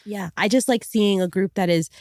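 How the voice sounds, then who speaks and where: A woman's voice: medium pitch, normal speed, darkish tone, no echo, studio quality. A woman co-hosting a podcast in cheerful, playful casual chat. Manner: cheerful, laughs easily, playful. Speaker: podcast co-host.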